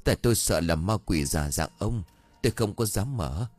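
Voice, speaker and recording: A man voicing an older village wife in an audiobook story, speaking in a calm, reassuring way. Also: lowish voice, normal speed, dry recording, faint music behind.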